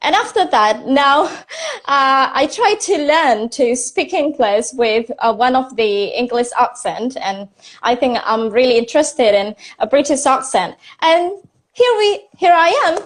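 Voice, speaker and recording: A woman's voice: sits high, lively intonation, unhurried. A woman with an Indonesian accent hosting an English-learning live stream, speaking English hesitantly with many fillers. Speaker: host, English teacher. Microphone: phone on a live video stream.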